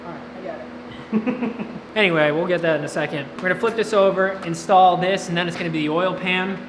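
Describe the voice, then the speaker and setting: A man's voice: sits high, steady tone, a little fast, noisy background. A man co-hosting a casual workshop vlog, joking and laughing often as he works on an engine. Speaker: channel co-host.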